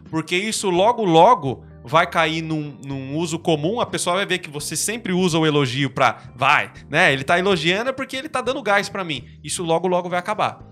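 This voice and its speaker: Brazilian guy hosting a podcast, kinda high bright voice, lots of "né?", faint music behind. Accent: Brazilian Portuguese. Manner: explains with examples, many restarts and "né?" tags. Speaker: podcast host. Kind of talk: casual podcast discussion.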